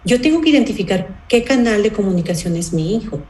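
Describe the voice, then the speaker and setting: Quick and mid-range, with big pitch swings and a slightly mellow tone, a woman explains things patiently at a parenting workshop. She checks in often with rhetorical "¿sí?" and "¿bien?". The sound is reverberant and the recording rough.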